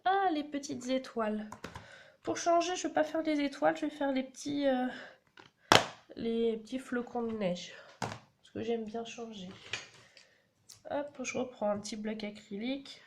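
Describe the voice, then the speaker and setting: A woman's voice: high voice, measured pace, pauses often. A woman, chatting through a card-making tutorial and explaining each step as she works. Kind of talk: casual crafting tutorial. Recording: audible background noise.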